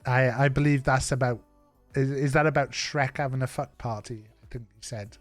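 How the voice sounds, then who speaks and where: A man's voice: medium pitch, fairly even intonation, normal speed, dry recording, soft background music. Welsh man joking on a stream. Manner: joking, rambling with fillers. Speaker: streamer host. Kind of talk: casual chat on a live stream. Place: home streaming setup.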